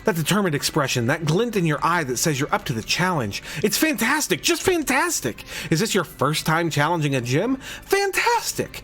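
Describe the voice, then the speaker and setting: A man's voice: on the high side, wildly swooping pitch, moderate pace, hardly any pauses, fairly bright tone. A man voicing an effusive young woman photographer and gym leader, reading game dialogue aloud theatrically. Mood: gushing. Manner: effusive, theatrical, repeats praise.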